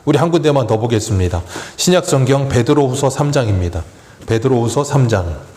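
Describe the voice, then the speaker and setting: A man's voice: mid-range voice, animated, brisk, darkish tone. A male pastor preaching a sermon in a church, asking the congregation rhetorical questions and briefly acting out mocking voices. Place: church sanctuary. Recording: echoey church room.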